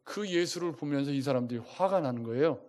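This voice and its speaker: A male pastor preaching a sermon, asking his congregation one rhetorical question after another and swinging his loudness for emphasis. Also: a little high, fairly quick. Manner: lively, shifting loudness for emphasis.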